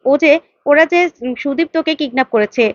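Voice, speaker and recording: A woman's voice: sits high, fairly quick, no echo, highs cut off, natural voice. A woman voicing a frightened young woman who defends herself angrily and tearfully. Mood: desperate. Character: angry frightened young woman hiding a secret.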